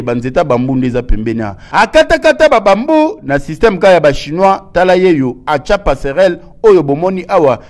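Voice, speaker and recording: A man with a Congolese accent reporting and commenting emphatically as a video news reporter. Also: on the high side.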